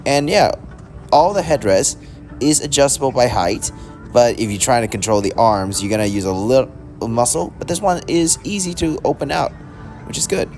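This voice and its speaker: A man narrates a casual travel review in a medium-pitched voice. His intonation is animated, and faint music plays underneath. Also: moderate pace. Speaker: travel vlogger.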